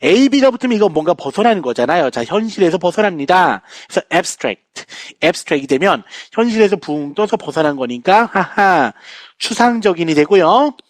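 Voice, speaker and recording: Male vocab teacher, recorded lecture; bouncy, joking delivery, high and dry. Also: moderate pace, dry recording. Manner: lively lecturing, frequent "자, 여러분" asides, playful jokes.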